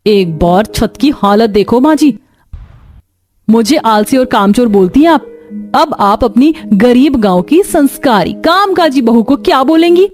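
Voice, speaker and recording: A woman's voice: on the high side, expressive, measured pace, darkish tone, faint music behind. A woman voicing a lazy, jealous young daughter-in-law who talks sarcastically and complains. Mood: resentful. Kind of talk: cartoon voice acting.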